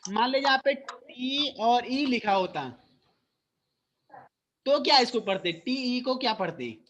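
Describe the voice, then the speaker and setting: A man's voice: very high-pitched, expressive, unhurried, a bit bright. A male school teacher giving an online phonics lesson, mixing Hindi and English, patiently repeating and quizzing his students.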